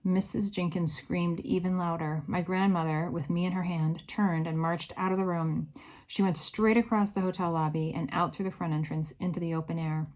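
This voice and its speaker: A woman reading a children's novel aloud in an expressive, varied storytelling manner. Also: fairly low pitch, normal speed, low-quality recording. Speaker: read-aloud narrator.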